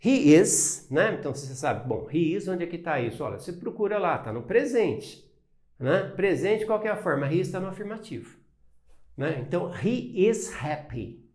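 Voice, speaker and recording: Brazilian male English teacher, patient explainer, lively intonation, slightly higher voice. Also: moderate pace. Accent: Brazilian Portuguese. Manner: patient, repeats "né?" and "tá?" to check understanding. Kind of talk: explanatory lesson.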